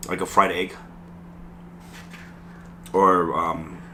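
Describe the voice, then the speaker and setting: A man from Southern California, hoarse from a lingering illness, chatting casually in a food vlog with many ums and pauses. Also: sits low, flat delivery, pushed and bright, a little hiss or hum. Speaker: food vlogger. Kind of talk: casual rambling mukbang vlog. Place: restaurant dining room.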